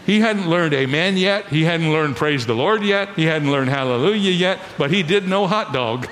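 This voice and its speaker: A middle-aged man preaching a sermon in a church, telling stories with animation and slowing down to stress key lines. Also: on the high side. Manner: animated storytelling preacher, slows for emphasis. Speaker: pastor. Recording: long reverb of a large hall.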